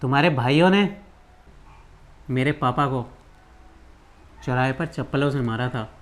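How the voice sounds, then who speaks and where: A man's voice: medium pitch, unhurried, close to an everyday voice. An actor playing a young husband who bitterly reproaches his wife, in a drama. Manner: bitter, reproachful, pleading questions. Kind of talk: emotional drama acting.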